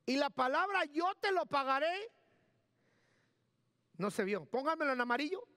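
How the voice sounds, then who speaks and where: Man, pastor, emphatic sermon, very high voice, dry close sound. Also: animated, moderate pace, bright, forceful tone, no room sound. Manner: emphatic, repeats key words, directs the sound booth. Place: church.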